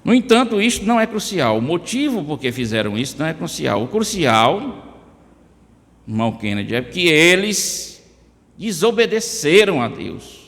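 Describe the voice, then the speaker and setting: Man, Brazilian Portuguese accent, emphatic sermon delivery in a slightly high voice, church hall echo. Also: big pitch swings, normal speed, a bit bright. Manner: addresses listeners by name, emphatic rises. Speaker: preacher.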